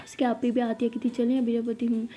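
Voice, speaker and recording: A woman's voice: on the high side, monotone, quick pace, warm tone. A woman narrating a love story in a chatty, casual way, with conversational asides.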